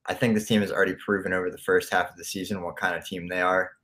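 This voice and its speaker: A man co-hosting a casual sports podcast, giving steady, opinionated takes as he thinks aloud. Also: sits low, fast talker. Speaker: podcast co-host.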